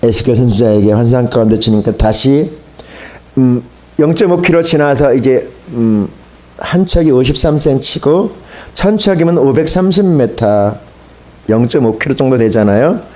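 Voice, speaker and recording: A man's voice: medium pitch, lively intonation, moderate pace, a little mellow. A man pastor preaching a sermon, telling a story in a colloquial way and addressing the congregation.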